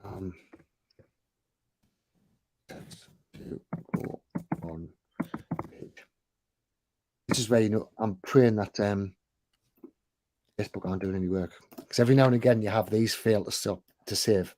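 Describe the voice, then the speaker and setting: A man's voice: on the low side, fairly even intonation, brisk, noisy background. A man, a chatbot developer on a casual live-stream, talking through his work while he types, with loose colloquial asides. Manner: chatty, thinks aloud while typing, colloquial. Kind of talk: casual screen-share chat.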